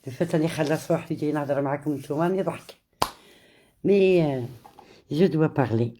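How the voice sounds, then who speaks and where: A woman's voice: deep voice, rapid-fire, noisy background. A middle-aged woman hosting a casual live stream, greeting viewers by name and chatting. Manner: switches between French and Arabic, greets viewers by name.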